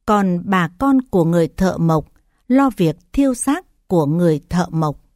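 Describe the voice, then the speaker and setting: A woman calmly reading Buddhist scripture tales aloud as a narrator, in an even reading voice. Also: fairly low pitch, moderate pace, no echo, studio quality.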